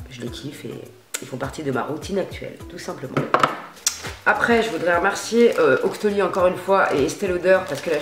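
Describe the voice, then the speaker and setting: A woman's voice: sits low, reverberant. A woman vlogging casually while dyeing her hair at home at night, chatty and self-mocking, full of street slang. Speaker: beauty vlogger.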